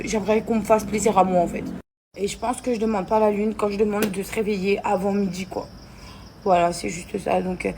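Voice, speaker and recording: A woman's voice: mid-range voice, gravelly, darkish tone, a little hiss or hum. A woman vlogger venting to her followers in a casual, blunt, slangy way, upset and irritated and repeating herself. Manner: agitated, repetitive, slangy and blunt. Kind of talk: casual to-camera vent.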